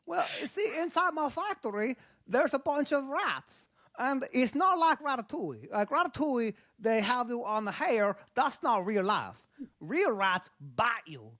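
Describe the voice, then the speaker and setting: A man voicing a greedy, easily offended male puppet chef, talking in a deadpan, childlike way in a comic podcast bit. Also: very high-pitched, measured pace, no echo, studio quality, full character voice.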